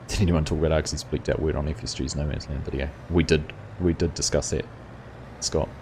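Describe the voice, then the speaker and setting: Talking a little fast, the middle-aged host with a New Zealand accent and a very deep voice reads chat during his gaming stream, with a little hiss or hum in the recording. He's laid-back, chatty and filler-heavy, greeting commenters by name.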